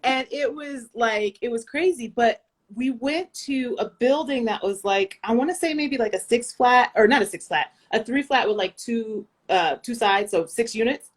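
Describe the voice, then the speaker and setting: An American woman chatting casually, telling a lively story full of fillers and asides. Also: a little high, moderate pace, hardly any pauses. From United States. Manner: animated storyteller, lots of fillers. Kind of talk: casual chat.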